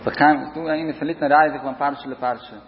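A man giving a sermon as a religious teacher, telling parables in short, repeated phrases that rise and drop in loudness. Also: a little high, fairly even intonation, normal speed. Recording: dull sound in a reverberant hall, faint noise.

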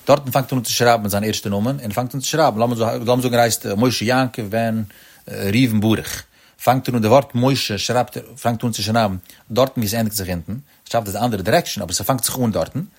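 A man teaching a religious-law lesson in a mid-pitched voice. His delivery lilts and sings, jumping up suddenly before settling back down. He talks straight to his listeners, calling them friends as he explains. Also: fast talker. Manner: addresses listeners directly as friends.

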